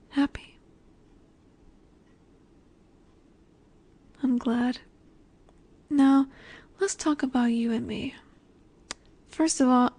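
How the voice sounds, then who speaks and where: Her voice on the high side, a woman performs a snake-woman monster who is both dominant and nurturing for an intimate roleplay audio. She coaxes softly, frequently dropping close to a whisper, and the mood is tender and doting.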